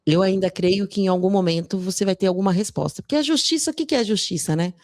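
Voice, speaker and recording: A woman hosting a true-crime podcast, asking gentle, slow questions in an emotional interview. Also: mid-range voice, no room sound, clean studio sound. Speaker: podcast host.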